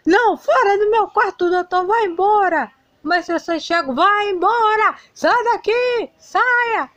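A woman's voice: sits high, moderate pace, dry recording, muffled recording, lightly acted. A woman voicing an ill young man in a doll soap-opera parody, bitter and short-tempered, snapping orders. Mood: furious.

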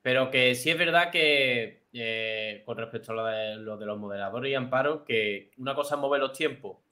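Bright-voiced man hosting a livestream. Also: medium pitch, normal speed. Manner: chiming in with short agreements, blunt. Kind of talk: casual livestream chat.

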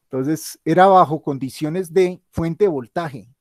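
A man's voice: a little high, unhurried, no echo, studio quality. A tired male teacher giving an online class, thinking aloud and correcting himself as he works through the board. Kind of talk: online class with a shared whiteboard.

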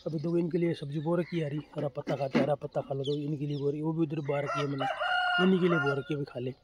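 A Rajasthani poultry farmer speaks quickly in a fairly high, fairly even voice, addressing viewers directly in a plain, repetitive, casual explainer vlog. He's outdoors on his open farm, with chickens clucking and faint noise around him.

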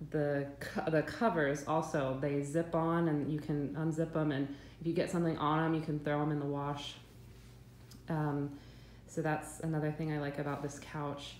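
A woman's voice: sits low, darkish tone. A young woman giving a casual, chatty review of her couch, hesitant and full of ums and restarts, filmed on a handheld phone in her living room. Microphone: handheld phone filming the room. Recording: echoey room with faint background hum.

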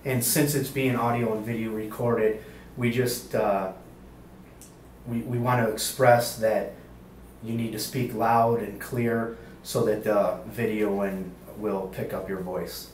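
A male state police investigator running a formal interrogation, halting with many uhs and ums, heard on an interrogation-room tape recording. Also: lowish voice, level tone. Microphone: fixed room camera mic. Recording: roomy, distant, faint hiss.

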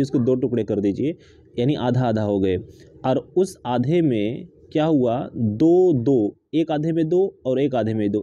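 Slow-talking man with a very dark voice. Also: mid-range voice, no room sound, lo-fi sound. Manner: reads English text slowly, then explains it in Hindi with fillers. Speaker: literature teacher. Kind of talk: explaining a lesson.

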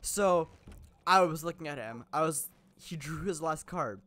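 A man's voice: on the high side, animated, unhurried, sharp tone. Young male gaming host, slightly raised voice, rambling chatty delivery, a bit under the weather. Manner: rambling, chatty, laughs often, many fillers and restarts. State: a little sick. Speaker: gaming YouTuber. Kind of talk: casual gameplay commentary.

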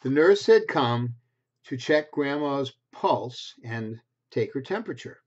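Speaking slowly in a mid-range voice, a man in his sixties reads a picture book to preschoolers with plenty of expression, simple wording, and small asides. He's indoors in a small bedroom at home, and the webcam sitting at desk distance gives the audio a dull, lo-fi quality.

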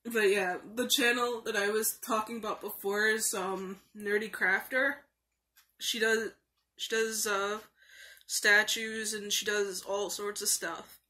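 A young adult woman in a casual, rambling vlog chat, speaking haltingly. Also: mid-range voice, steady tone, sharp tone. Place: small room indoors. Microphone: phone or webcam at arm's length.

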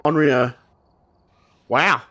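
A man's voice: fairly high pitch, very slow, pushed and bright. A man, joking and teasing friends during a casual game session. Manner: joking, teasing, laughs a lot. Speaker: gaming friend. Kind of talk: casual gaming chat.

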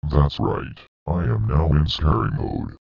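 A man's voice: unhurried, creaky, highs cut off, exaggerated voice. A synthetic male voice playing a menacing stick-figure computer demon with a robotic tone. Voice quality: deep robotic demonic text-to-speech voice. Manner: flat threatening ultimatums.

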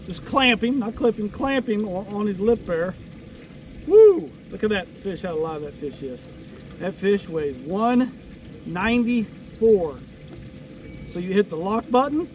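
High-voiced man talking on a boat. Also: dull audio, a little hiss or hum. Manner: folksy, enthusiastic, chatty with loose restarts. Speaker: fishing show host. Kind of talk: casual instructional talk. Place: on a fishing boat outdoors.

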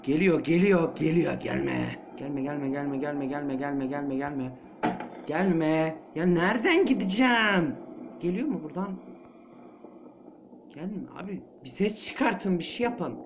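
A man's voice: fairly high pitch, expressive, slow, noisy background. A man commentating a horror game as he plays, jumpy and panicky, muttering to himself and yelping. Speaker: gamer playing a horror game. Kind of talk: let's-play commentary. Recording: muffled lo-fi with loud game ambience.

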